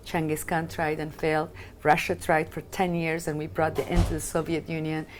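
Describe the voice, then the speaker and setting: Her voice is low-pitched and fairly flat in melody, moving at a moderate pace against slight background noise. The speaker, a film director and activist in her fifties, is from Afghanistan and has Italian as her first language. She makes passionate, emphatic points as a guest in an interview conversation.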